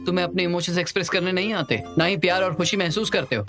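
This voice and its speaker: A man's voice: sits high, fast, over music, natural voice. A man dubbing a playful young man who teases and lectures his best friend. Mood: teasing. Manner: teasing, lively, chatty. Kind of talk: Hindi dub of a drama.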